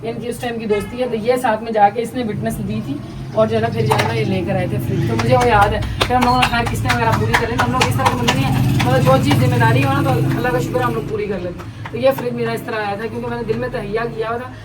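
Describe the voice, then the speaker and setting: A woman vlogger tells a family story in quick, chatty bursts, leaning on little asides like "you know". Her voice sits a bit high and comes from some way off the mic. A clear layer of household noise runs behind her. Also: steady tone. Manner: chatty, emotional, fillers like "है ना". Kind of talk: casual storytelling to viewers. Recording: distant mic with background noise.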